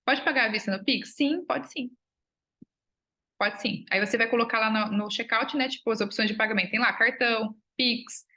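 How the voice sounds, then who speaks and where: A woman's voice: a little high, moderate pace, pushed and bright. A woman with a Brazilian Portuguese accent teaching a live online class, chatting upbeat and answering viewers' comments. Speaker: child psychology course instructor.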